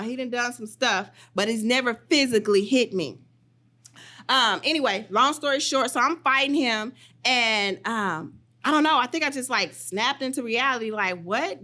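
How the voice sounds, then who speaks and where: Young woman, bright, higher-pitched, animated, casual podcast storytelling. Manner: animated, emphatic retelling. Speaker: podcast co-host.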